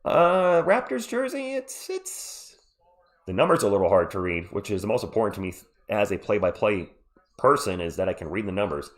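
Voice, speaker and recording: On the low side and sing-song, his voice keeps a normal speed. The man, who is fighting a cold, provides casual sports commentary on a live play-by-play stream and jokes with viewers.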